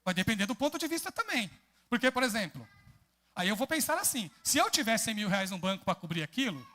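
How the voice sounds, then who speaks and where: A man's voice: extremely high pitch, pushed and bright. A man with a Brazilian Portuguese accent preaching an expository sermon in a church, often putting questions to the congregation. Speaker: pastor.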